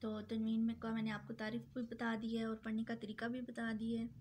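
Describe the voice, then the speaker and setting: A woman teaching Quran recitation rules with a sore throat, patient and repetitive, stretching out example words slowly. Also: a little high, monotone, darkish tone, slight background noise. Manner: patient, repeats points, slows down for drawn-out example words. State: sore throat, clearing it often. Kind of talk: tajweed lesson.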